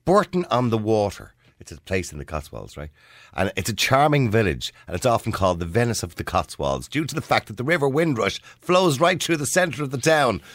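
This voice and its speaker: A man's voice: medium pitch, big pitch swings, brisk, fairly bright tone, no echo. Irish guy doing radio phone-in chat, super up and down voice, dry studio sound. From Ireland. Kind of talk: chatty radio phone-in talk. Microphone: close studio microphone.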